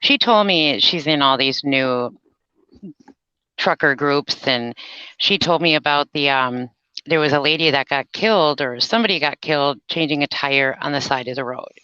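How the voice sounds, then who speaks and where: Low, clear Upper Midwest woman, folksy. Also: normal speed, sharp tone, dry recording, dull audio. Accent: Upper Midwest American. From Minnesota, United States. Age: middle-aged or older. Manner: folksy, plain-spoken, emphatic. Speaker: trucker giving safety tips, guest. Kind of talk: casual advice and chat.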